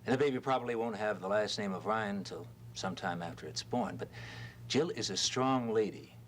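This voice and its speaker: A man playing a calm, reasoning doctor. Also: fairly low pitch, brisk, a little hiss or hum, lightly acted. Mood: persuasive. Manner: earnest, reasoning. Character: concerned male doctor, calm and persuasive. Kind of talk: daytime soap opera acting.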